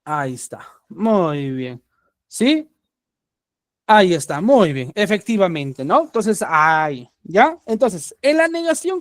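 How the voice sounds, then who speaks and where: A man's voice: high voice, no room sound, clean studio sound. A man with a Peruvian Spanish accent teaching English grammar in an online class, patiently checking understanding with a rising question after each point.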